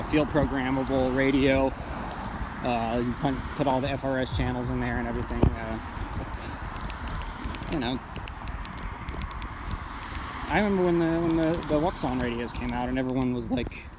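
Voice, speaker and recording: An amateur radio hobbyist reviews gear in a casual, unscripted product demonstration, talking off the cuff. He rambles but stays blunt and matter-of-fact. His voice is mid-range, and the recording is very noisy.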